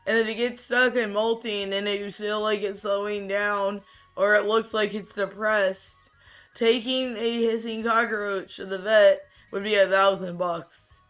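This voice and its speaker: A streamer rambles casually while gaming, speaking at a measured pace in a raspy monotone that sounds tired and relaxed, often restarting his sentences. The recording is rough, with soft music in the background.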